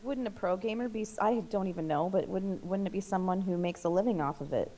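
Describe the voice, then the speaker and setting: A woman's voice: medium pitch, quick pace, warm tone, recorded from a distance, slight background noise. A woman hosting a casual podcast chat among friends, chatty and trailing off with fillers. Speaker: podcast host.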